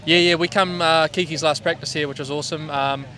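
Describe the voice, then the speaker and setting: Being interviewed outdoors at a speedway, a driver with a broad New Zealand accent chats in a casual, laid-back, slangy way while vehicles roar at the trackside. His fairly high voice stays fairly even, a little fast, bright and forceful.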